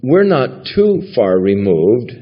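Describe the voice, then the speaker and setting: A man's voice: medium pitch, sing-song, slow. A man preaching a sermon in a church, teaching from the Bible in a conversational way and chuckling now and then. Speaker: pastor. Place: church sanctuary. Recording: lo-fi recording with long hall reverb.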